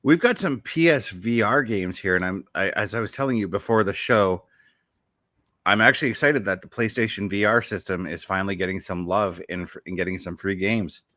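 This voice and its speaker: A man hosting a relaxed gaming podcast, his low voice carrying a bright, forward edge. He talks with eager enthusiasm, rambling and doubling back mid-sentence as he goes. The sound is close and dry. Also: fairly quick, no echo. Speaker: show host. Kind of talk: casual podcast chat about games.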